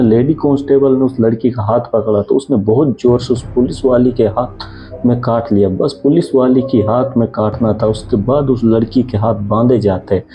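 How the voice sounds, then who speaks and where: A man's voice: mid-range voice, dull audio. A man telling a true crime story in a casual, spoken way, often repeating and rephrasing himself as he goes.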